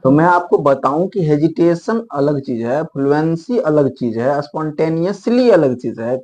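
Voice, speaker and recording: A man's voice: fairly high pitch, expressive, unhurried, darkish tone, muffled recording. A man teaching spoken English in a casual, rambling lecture, explaining with frequent restarts and asides. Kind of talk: spoken English lesson in Hindi.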